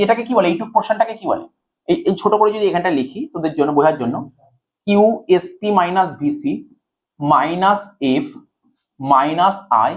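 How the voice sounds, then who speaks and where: A man's voice: high-pitched, darkish tone. A male commerce tutor with a Bengali accent, giving a whiteboard math lecture and coaxing students with constant checks that they follow. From India.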